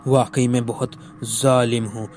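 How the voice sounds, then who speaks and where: A man's voice: medium pitch, little pitch movement, a little slow, a little mellow, a little hiss or hum, lightly acted. A man voicing a remorseful male ghost, centuries old, tearfully confessing his murders in a storybook tale.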